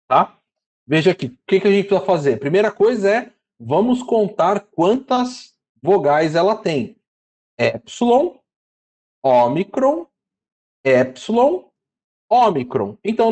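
A man's voice: high voice, a little mellow. Chatty man teaching Greek. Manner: chatty, repeats and spells syllables slowly. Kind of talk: casual teaching lesson.

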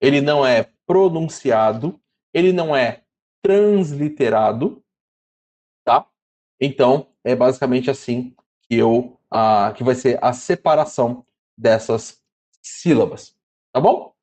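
A man teaching a casual lesson, chatty and spelling out syllables slowly. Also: mid-range voice, darkish tone. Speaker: Greek teacher.

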